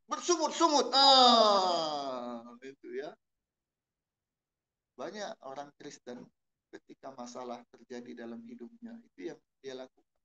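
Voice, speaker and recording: A middle-aged pastor preaches a sermon at a church service, telling a story and posing questions to the congregation that he then answers himself. His delivery is sing-song and a little slow, swinging from low murmurs to loud exclamations.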